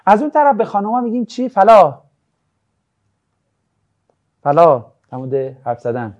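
Man lecturing a religion class, animated pitch, mellow tone, jokey anecdotes. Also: highs cut off. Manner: lively, jokey, acts out anecdotes. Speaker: religious studies teacher.

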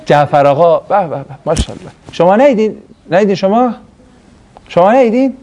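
A middle-aged man teaching a class, telling a story with lively delivery and acting out the voices of the people in it. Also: sits high, muffled recording. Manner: animated storytelling, acts out quoted voices, laughs. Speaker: teacher of Islamic studies class. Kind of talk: classroom lecture with anecdotes.

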